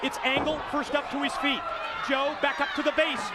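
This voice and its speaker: Dramatic high-pitched male wrestling play-by-play commentator. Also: level tone, brisk, very noisy. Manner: dramatic, emphatic announcer phrasing. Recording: loud crowd and music behind. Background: arena crowd and music.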